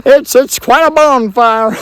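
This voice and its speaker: A man's voice: very high voice, takes it slowly, a bit bright, clean tone. A man vlogging outdoors at a backyard bonfire, playful and whooping, breaking into bits of songs. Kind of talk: casual vlog chatter.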